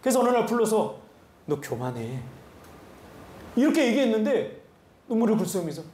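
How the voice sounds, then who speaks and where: A male pastor giving an animated sermon full of rhetorical questions to his congregation. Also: extremely high pitch, very fast, roomy sound, a little hiss or hum. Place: church sanctuary.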